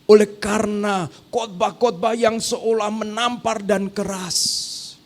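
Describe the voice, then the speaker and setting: A male pastor preaching an animated sermon, often turning to address the congregation directly. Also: sits high, slow pace.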